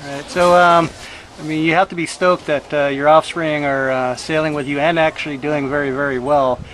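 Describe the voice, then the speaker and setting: A man asks relaxed interview questions, often halting on fillers. His voice sits somewhat high. Faint background noise is heard.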